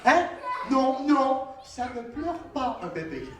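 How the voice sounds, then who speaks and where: A young man with a Québécois French accent performs stand-up in a theatre, his voice pitched very high and ranging widely as he acts out his story. He takes his time, breaking into shouts and sing-song. The sound is roomy and caught from some distance off the mic. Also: very animated, slow. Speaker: stand-up comedian. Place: theatre stage.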